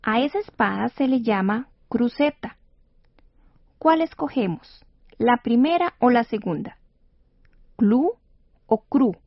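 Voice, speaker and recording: A woman teaching as a radio instructor in a scripted educational lesson, speaking patiently and clearly with encouragement. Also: fairly high pitch, lively intonation, a little slow, no room sound. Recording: dull dry studio radio recording.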